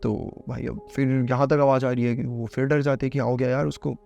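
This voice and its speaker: A man's voice: mid-range voice, level tone, fairly quick, gravelly, darkish tone, faint music behind. A man casually narrating a horror storytime, chatty and conversational, calling the listener bhai.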